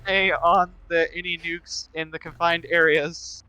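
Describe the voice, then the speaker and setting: A man's voice: a little high, level tone, measured pace, bright, forceful tone, low-quality recording. A man playing a tabletop game, trading casual, joking banter with the group. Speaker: player.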